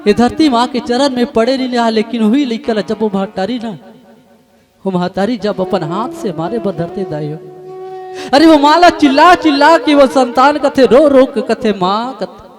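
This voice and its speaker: A man with a Chhattisgarhi accent preaching a devotional sermon in story form, emotional and rising to impassioned outcries. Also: very high-pitched. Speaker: Ramayana preacher.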